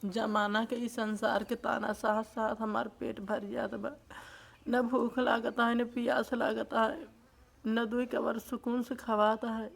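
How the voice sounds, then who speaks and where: Young woman w bhojpuri accent, slow and flat, kinda gravelly, tearful lamenting. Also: fairly high pitch. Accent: Bhojpuri-influenced Hindi. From eastern Uttar Pradesh. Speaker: interviewee. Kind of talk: emotional interview.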